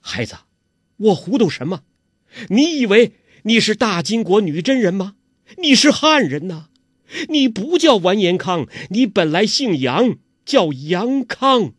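A male storyteller voicing a grieving middle-aged mother who speaks softly and sorrowfully to her son. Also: fairly high pitch, very animated, slightly rough, no echo, studio quality, heavily acted. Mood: stern. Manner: soft, sorrowful, drawn-out.

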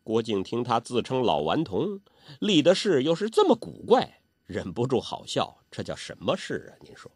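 A man's voice: medium pitch, wildly swooping pitch, normal speed, husky, no echo, studio quality. A man narrating a martial arts tale as a traditional storyteller, in a chatty way with asides to the listener.

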